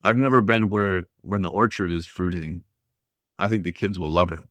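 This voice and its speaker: A man's voice: sits low, normal speed, a bit bright, dry recording. A man voicing a playful, upbeat mother of several kids. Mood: eager.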